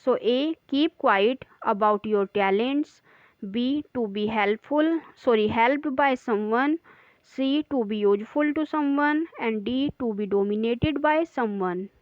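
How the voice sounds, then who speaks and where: A woman teacher with a somewhat high voice, taking each quiz question slowly and deliberately. The recording is dry and a little dull, like a basic home lo-fi setup. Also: no echo. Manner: reads quiz options slowly, then explains quickly in Hindi. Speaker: English teacher. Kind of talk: exam practice lesson.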